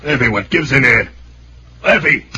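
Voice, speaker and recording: A man's voice: medium pitch, lively intonation, moderate pace, natural voice. An actor playing a surly, threatening gangster gunman in an old-time radio crime drama, talking tough slang. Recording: dull, noisy vintage radio recording.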